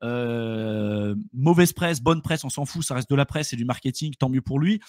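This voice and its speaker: A man co-hosting a casual live stream, rambling through stories in slangy speech full of fillers. His voice sits at an ordinary pitch and sounds dry and close, with little room around it. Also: moderate pace, a little mellow, dry recording. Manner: loose, slangy storytelling with many fillers. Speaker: co-host of a crypto live stream. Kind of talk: casual chat.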